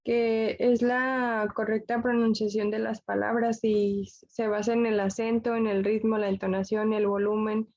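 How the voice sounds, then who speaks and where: A woman's voice: a little high, little pitch movement, unhurried, few pauses, darkish tone. A woman student reading an answer aloud in class, heard from a distance. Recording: dull lo-fi recording from off-mic.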